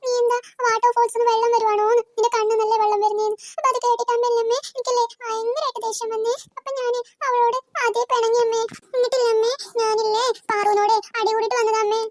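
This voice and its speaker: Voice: extremely high pitch, flat delivery, very noisy. A performer doing a sulky cartoon girl. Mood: explaining. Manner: sulky, quick to take offence. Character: young girl, touchy and easily hurt.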